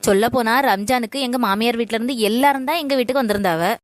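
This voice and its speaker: A woman playing an earnest, quick-tempered young daughter-in-law in a comedy skit. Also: fairly high pitch, no room sound, studio quality, lightly acted. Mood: defending. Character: young daughter-in-law, polite then fiery.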